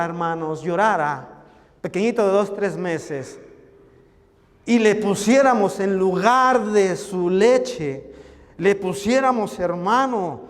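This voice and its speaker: A male pastor with a Mexican Spanish accent, preaching a sermon and calling his listeners brothers. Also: high voice. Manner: preaching, addresses the congregation as hermanos. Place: church hall. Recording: long church reverb.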